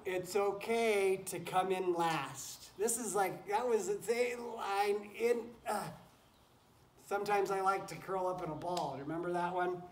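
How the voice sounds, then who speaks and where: Among goats and chickens in a wooden barn pen with straw, a high-voiced man reads a picture book to children at a measured pace, like a teacher. He chats encouragingly and pauses for asides to the animals. A camera a few feet away picks up the roomy, noisy barn audio.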